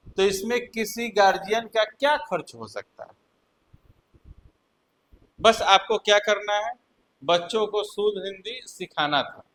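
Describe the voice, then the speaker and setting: A man's voice: high-pitched, sharp tone, poor audio. A male teacher giving a classroom lecture, repeating key points and quizzing his students.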